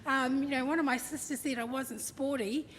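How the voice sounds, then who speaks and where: High-voiced New woman sharing a eulogy. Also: fairly even intonation, moderate pace. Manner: chatty, humorous storytelling, acts out quotes. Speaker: daughter giving a eulogy. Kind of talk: eulogy at a family service. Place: large hall at a memorial service. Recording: echoey hall, faint background noise.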